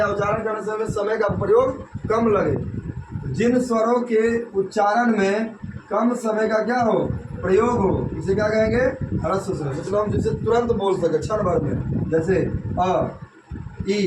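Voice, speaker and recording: A man's voice: high-pitched, normal speed, far from the mic. A man teaching a classroom grammar lesson, quizzing the students with repeated questions. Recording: echoey classroom with noise.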